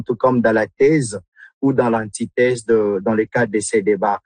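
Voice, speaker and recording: A man's voice: mid-range voice, darkish tone, breathy edge, no echo. A man from the Democratic Republic of the Congo, a guest in an interview, speaking earnestly with many hesitations and repeated words. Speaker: guest, literary club member. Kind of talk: radio interview.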